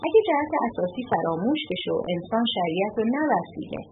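Woman as a serene dervish teacher, steady measured speech, tinny line, background music. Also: medium pitch, natural voice. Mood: calm. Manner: calm, measured. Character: calm wise male dervish teacher. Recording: narrow phone-like sound with music.

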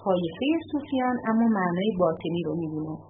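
Woman reading a calm wise dervish. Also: lowish voice, a little hiss or hum, lightly acted. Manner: calm, measured. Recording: narrow phone-like sound with music.

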